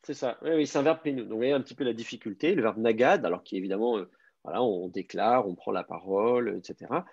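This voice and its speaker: A man teaching Hebrew in an online class, explaining patiently and repeating key words slowly. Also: fairly low pitch, a little mellow, husky, dry recording, lo-fi sound.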